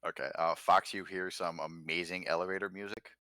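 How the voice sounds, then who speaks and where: Deep-voiced man running a tabletop game. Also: fairly quick, dry recording. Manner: relaxed, filler-heavy narration with many uhs. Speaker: game master.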